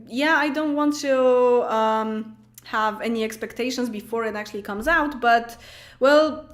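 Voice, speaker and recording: A streamer from Poland in her late twenties chats casually and answers comments, speaking with a Polish accent. Her medium-pitched, fairly bright voice is full of fillers, restarts and laughter.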